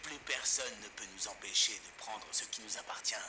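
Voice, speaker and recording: A man's voice: lowish voice, a little fast, lightly acted. A man voicing a self-righteous, resentful survivalist who preaches his grievances on pirate radio in a video game. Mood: righteous resentment. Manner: preachy, grievance-laden broadcasting. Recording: clear background noise over game ambience.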